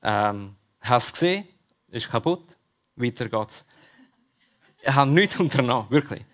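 A man's voice: mid-range voice, expressive, measured pace, a bit bright. A man with a Swiss German accent preaching a sermon at a church service, talking straight to the congregation and repeating his key questions. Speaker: pastor.

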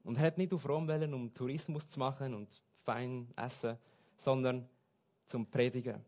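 A man preaching a sermon, switching between soft asides and loud, stressed points. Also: mid-range voice, fairly even intonation, moderate pace. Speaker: pastor.

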